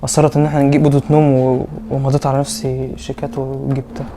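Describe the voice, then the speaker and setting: A man's voice: medium pitch, monotone, very fast, dark tone, slight background noise. A young man with an Egyptian accent acting a hesitant, stammering husband in a comedy sketch. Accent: Egyptian Arabic.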